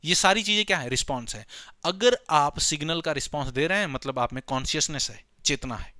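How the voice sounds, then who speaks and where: A man's voice: a little high, a little fast, bright, forceful tone, dry recording. A man teaching a biology lecture in a playful way. He keeps asking questions and then answers them himself, and he calls his listeners his children. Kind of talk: classroom lecture.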